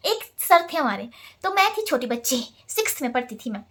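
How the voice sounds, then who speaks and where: A woman's voice: high-pitched, very animated, a little fast, fairly bright tone. A young woman vlogger telling childhood stories in a casual, chatty way, laughing often and slipping into English phrases. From Himalayan India. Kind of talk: casual Q&A vlog.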